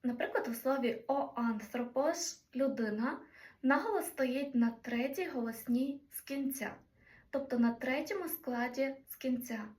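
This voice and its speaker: Female language teacher, highish voice, measured careful delivery, roomy and a bit off-mic. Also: a little mellow, recorded from a distance. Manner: slow, careful spelling-out of Greek examples. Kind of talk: explaining grammar in a lesson.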